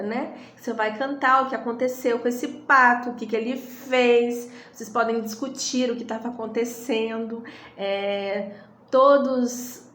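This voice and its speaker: A woman's voice: sits high, a bit bright, roomy sound. A Brazilian woman lecturing teachers, reflective and full of rhetorical questions. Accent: Brazilian Portuguese.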